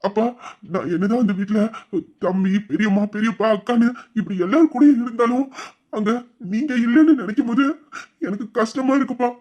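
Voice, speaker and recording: A man's voice: very high-pitched, fairly quick, darkish tone, lo-fi sound. A man playing a devoted young adult son who speaks earnestly and emotionally to his father. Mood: tearful, earnest. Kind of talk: audio drama acting.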